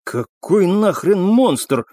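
A male reader voicing a rough, impatient huntsman who scolds and curses. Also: high voice, big pitch swings, very slow, dark tone, no echo, pitched above the performer's own voice, exaggerated voice. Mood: angry.

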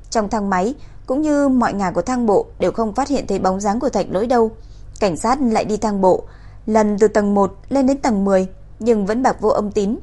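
Woman, audiobook narrator, even steady delivery, mid pitch.

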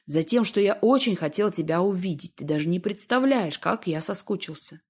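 A woman reading an audiobook, voicing a calm, evasive man who talks in an unhurried, teasing way. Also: on the low side, slightly rough. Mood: calm, coaxing. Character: calm, evasive middle-aged man, smooth talker.

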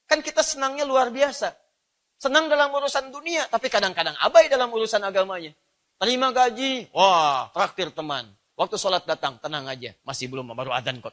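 A man preaching a sermon, swinging from loud emphatic lines to soft, low asides.

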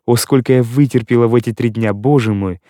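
This audiobook narrator, a man with a steady, warm mid-range voice, speaks a little fast as he plays a heartbroken young girl begging and protesting through her tears. The pleading is distraught and breathless, in a natural voice captured with clean studio sound and no room sound.

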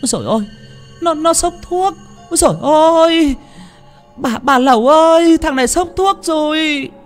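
A man's voice: moderate pace, faint music behind. A man doing a frantic screaming young woman. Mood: panicked. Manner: shrill, frantic crying out.

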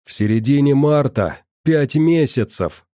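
A man's voice: medium pitch, animated, measured pace, no room sound, studio quality, voice pushed up, lightly acted. A man voicing an enraged young woman who screams insults at someone. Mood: outraged. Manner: yelling, insulting. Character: furious young woman, hot-tempered.

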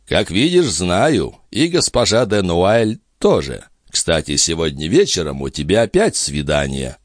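A man's voice: deep voice, big pitch swings, a little slow, no room sound, clean studio sound, exaggerated voice. A man voicing a worldly old duke who speaks with teasing, condescending irony. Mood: ironic. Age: older. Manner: ironic, condescending.

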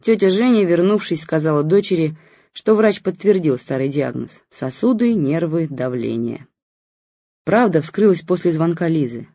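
Brief: calm storyteller, husky dark voice, dull dry recording. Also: mid-range voice, normal speed, no room sound. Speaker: audiobook narrator. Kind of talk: scripted narration.

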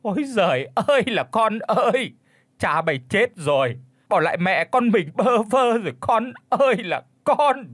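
A man's voice: fairly high pitch, expressive, brisk, a bit bright, no echo, studio quality. A man voicing an imperious old village matriarch who scolds her servants and wails. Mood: wailing. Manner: scolding, wailing, crude threats.

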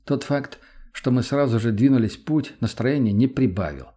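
A man narrating a first-person audiobook in an even, unhurried way. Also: medium pitch, breathy edge.

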